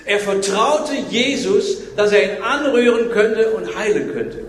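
Brief: male preacher, high voice, emphatic and repetitive, long church reverb. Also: animated, a little slow, slight background noise. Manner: emphatic repetition, addresses listeners directly. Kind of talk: sermon. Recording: echoey hall reverb.

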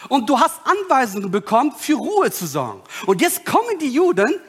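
A male pastor preaching a sermon with animated, dramatic storytelling. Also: extremely high pitch, moderate pace, slightly rough.

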